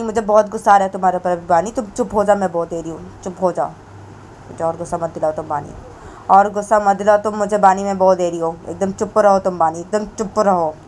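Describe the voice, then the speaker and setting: A woman's voice: low-pitched, a little hiss or hum. Woman putting on a fiery, scolding young lover. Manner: loud scolding, repeats threats. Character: hot-tempered bossy young woman, scolding her lover. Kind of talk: storytelling role-play.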